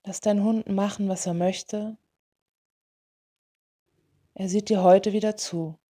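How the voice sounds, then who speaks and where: Slow, mellow woman guiding a meditation. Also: medium pitch, steady tone. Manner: soothing, gentle, unhurried delivery in short phrases. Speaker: meditation guide for dog owners. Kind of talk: guided meditation.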